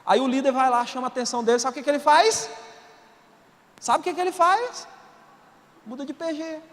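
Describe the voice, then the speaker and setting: Brazilian pastor guy preaching, really high voice, lively and slangy, big echoey church hall. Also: fairly quick. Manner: animated and colloquial, shifting from soft to shouting. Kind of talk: sermon. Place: church auditorium. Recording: long reverb of a large hall.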